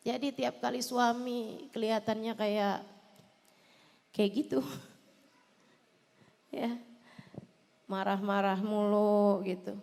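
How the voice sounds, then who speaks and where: A woman's voice: a little high, long reverb tail. A woman preacher giving a sermon, talking straight to the women listening and chanting Arabic prayer lines. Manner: animated, addresses the women listening directly.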